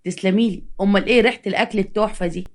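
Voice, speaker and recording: A woman with an Egyptian accent voicing a two-faced, cheating husband who flatters smoothly. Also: medium pitch, very fast, lightly acted. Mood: flattering. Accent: Egyptian Arabic.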